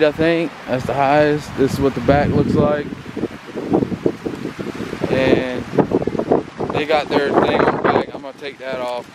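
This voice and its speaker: Man vlogging casually outdoors in loud wind. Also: medium pitch. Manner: informal, folksy, addresses viewers as guys. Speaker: vlogger showing equipment bought for a business. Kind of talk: casual rambling vlog walkthrough. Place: outdoors on a windy day. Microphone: handheld camera, flipped between self and subject.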